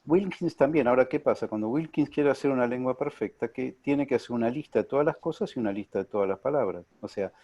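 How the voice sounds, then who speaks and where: A man's voice: mid-range voice, fast, few pauses, darkish tone, dry recording, muffled recording. A man with an Argentine Spanish accent giving an academic lecture over a video call, reflective and peppered with rhetorical asides. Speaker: panelist at an online lecture.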